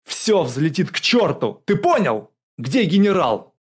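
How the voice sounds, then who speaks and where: A man voicing a desperate male special forces officer who shouts urgent orders. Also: mid-range voice, fairly even intonation, normal speed, lightly acted. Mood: urgent, shouting.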